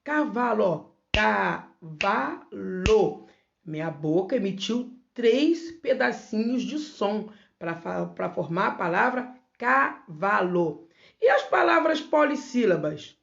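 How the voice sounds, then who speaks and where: A Brazilian Portuguese woman teaching young children in a remote lesson, sounding out words slowly syllable by syllable. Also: on the high side, big pitch swings, gravelly, dull audio. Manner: slow, syllable-by-syllable word demonstrations. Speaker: primary school teacher.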